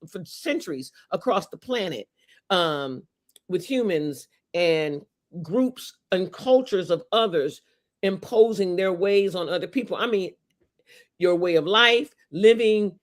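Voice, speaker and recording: A woman's voice: lowish voice, animated, unhurried. Chatty woman host on a video call, folksy sayings, laughs often. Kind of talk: casual interview chat.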